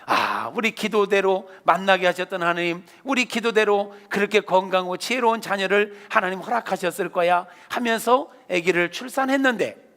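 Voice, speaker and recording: A male pastor preaches a sermon with a high, bright and forceful voice. He tells stories in an animated way, acting out the people in them. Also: normal speed. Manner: animated storyteller, acts out voices. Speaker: senior pastor.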